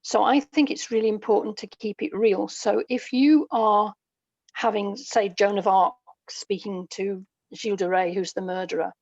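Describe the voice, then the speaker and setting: A woman who writes audio drama is interviewed as a guest, thoughtfully explaining her writing craft in a conversational way. Her mid-range voice has fairly even intonation, a normal speed and a darkish tone. The lo-fi recording sounds dull, close and dry, with no room sound.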